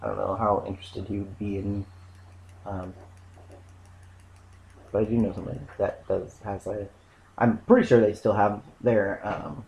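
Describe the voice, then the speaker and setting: A man in casual chat, rambling and halting with lots of ums. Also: lowish voice, steady tone, gravelly, darkish tone, a little hiss or hum, low-quality recording.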